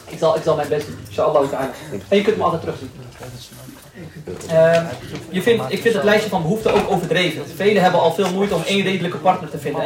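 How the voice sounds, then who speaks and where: Fast-talking man lecturing in an echoey hall. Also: high voice. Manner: quick-talking, joking, acts out people in stories. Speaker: Islamic lecturer. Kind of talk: lively classroom lecture with anecdotes. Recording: echoey room, voice from a distance, faint noise.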